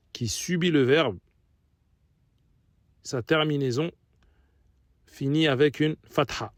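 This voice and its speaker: A man at mid pitch gives an Arabic revision lesson at an unhurried pace. He patiently repeats every example word. The sound is close and dry, with no room echo. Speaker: Arabic teacher.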